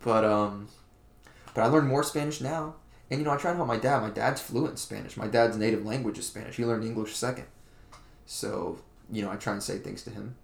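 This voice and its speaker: A young adult podcast co-host from Florida keeps the casual chat loose and meandering, with plenty of fillers. His voice sits on the low side, steady and gravelly, and he talks briskly in a reverberant space.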